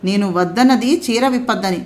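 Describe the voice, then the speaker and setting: A woman's voice: mid-range voice, a little fast, a little mellow, lightly acted. A woman reading as a shy, teasing young bride. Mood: playful.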